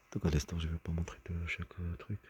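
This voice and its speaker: A man's voice: deep voice, monotone, fast, slight background noise. A man talking in a rambling personal monologue, agitated and often stumbling over and repeating his words. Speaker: vlogger.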